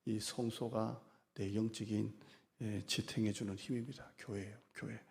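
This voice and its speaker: A man's voice: fairly low pitch, level tone, moderate pace, darkish tone, big-room sound. A middle-aged male pastor preaching a sermon, repeating key words and asking the congregation questions. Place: church sanctuary.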